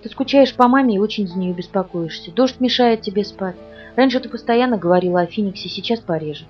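Woman reading a calm young vampire man. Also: medium pitch, quick pace, close to an everyday voice. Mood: tender. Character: quiet young male vampire, calm and devoted. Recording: dull lo-fi audio from a distance, with music underneath.

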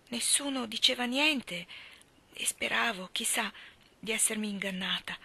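A woman voicing a frail, gentle young woman who is ill and resigned, speaking softly in a hushed half-whisper. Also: medium pitch, creaky, slightly rough, exaggerated voice.

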